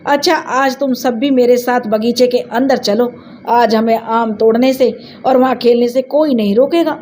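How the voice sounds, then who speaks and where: A woman's voice: a little high, steady tone, moderate pace, dark tone, a little hiss or hum, lightly acted. A woman doing a cheeky, headstrong village girl. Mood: eager. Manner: coaxing, cheeky. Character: lively teenage village girl, playful and headstrong.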